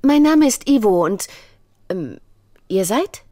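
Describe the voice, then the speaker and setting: A woman's voice: medium pitch, very animated, slow pace, dark tone, no echo. A woman voicing a kind, polite, earnest young elf princess in a video game. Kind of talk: video game character dialogue.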